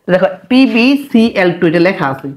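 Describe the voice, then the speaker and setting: A man gives a chemistry lesson at a coaching center. He speaks in a steady, patient classroom manner, stretching out important terms and repeating them. He asks rhetorical check questions again and again to keep students with him. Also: high-pitched, brisk. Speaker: chemistry tutor. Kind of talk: classroom lecture.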